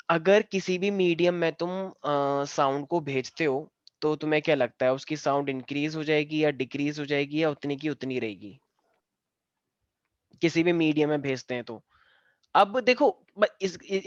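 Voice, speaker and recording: A man's voice: a little high, no room sound. Playful male science teacher, dull sound. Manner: playful, joking and teasing students. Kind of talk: live online class lesson.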